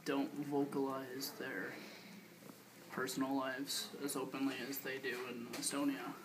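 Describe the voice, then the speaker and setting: A man's voice: mid-range voice, little pitch movement, a little slow. A young man being interviewed, answering in a hesitant, noncommittal way. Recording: distant mic with background noise.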